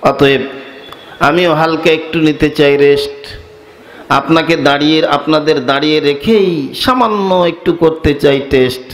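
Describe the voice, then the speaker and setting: A man from Bangladesh preaching an outdoor sermon in rhymes, chanting and shouting, calling for loud responses. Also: a little high, moderate pace, echoey room. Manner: rhyming, chanting, drawing loud call-and-response from the crowd. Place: open-air market gathering.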